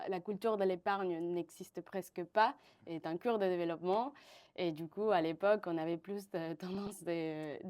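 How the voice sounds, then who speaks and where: A woman's voice: fairly low pitch, a little mellow, clean tone. A woman in her twenties from Venezuela, answering interview questions with many fillers and restarts. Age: 20s. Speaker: partnership manager, guest.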